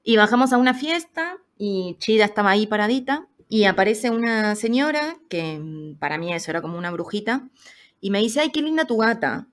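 A woman in her thirties with an Argentine Spanish accent, mid-range voice, and fairly quick pace tells a personal story as a podcast guest. She's lively and casual, acting out the voices of people she quotes.

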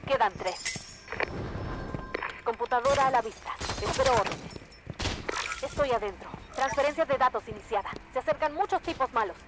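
A woman voicing a calm, businesslike mission handler in a game, giving crisp, clipped status reports. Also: sits high, normal speed, pauses often, lightly acted. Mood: briefing. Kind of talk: scripted game voice lines. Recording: gunfire noise behind.

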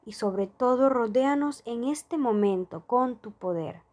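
A woman reading a prayer and money affirmations aloud in a slow, soft, devotional manner. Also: on the high side. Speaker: prayer reader.

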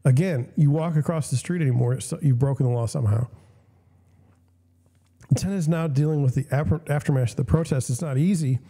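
Hosting casual commentary, a young man speaks fairly quickly in a warm, fairly high-pitched voice that's scratchy, with a cough, and the room sounds large. He reads news and questions aloud and offers blunt opinions, frequently restarting.

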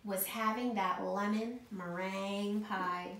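A woman school principal reading a picture book aloud to children in a warm, expressive way. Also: medium pitch, slow, roomy sound.

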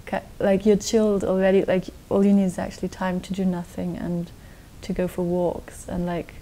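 A young woman from Austria answering interview questions in a relaxed, rambling way, full of likes and restarts, recorded in a dark studio. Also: fairly low pitch, normal speed, poor audio. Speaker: guest musician. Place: dark television studio set.

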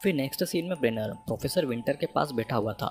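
A man's voice: mid-range voice, expressive, quick pace. Man narrating a movie recap over music. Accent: Hindi. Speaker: movie explainer. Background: faint background music.

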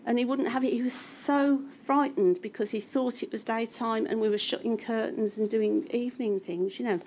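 Mellow-voiced woman giving witness testimony. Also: fairly high pitch, steady tone, slight background noise. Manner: halting, with frequent restarts and fillers; acts out others' words in a raised voice. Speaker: inquiry witness. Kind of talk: giving testimony at a public inquiry.

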